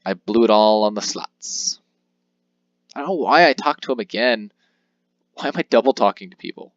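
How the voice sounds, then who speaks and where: A young man with a lowish, animated voice talks at normal speed, casually commenting on his handheld game playthrough. He's a let's play host who rambles, pokes fun at himself, and reads the game text aloud in voices. The audio is dull, with no echo.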